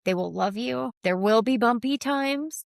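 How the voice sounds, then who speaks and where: A woman's voice: a little high, unhurried, creaky, no echo, studio quality. A middle-aged woman hosting a podcast, telling a personal story in an earnest, heartfelt, confessional way. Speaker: podcast host.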